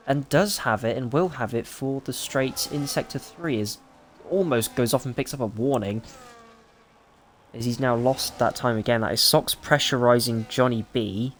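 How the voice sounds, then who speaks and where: A man giving excitable, rapid play-by-play as the lead commentator of a live sim racing broadcast. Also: mid-range voice, slight background noise.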